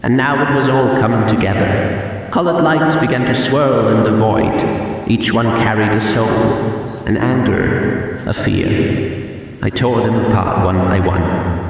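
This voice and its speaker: A man's voice: lowish voice, a little slow. A man narrating as a haunted, guilt-ridden Pac-Man who has devoured the ghosts, telling the tale in a brooding, grim first-person voice. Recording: distant, echoey hall with faint hiss.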